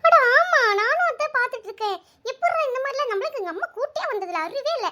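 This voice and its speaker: A woman voicing a chatty young village girl who talks fast and teases. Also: very high-pitched, slight background noise, pitched above the performer's own voice, heavily acted. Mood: excited. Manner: fast, excited, teasing.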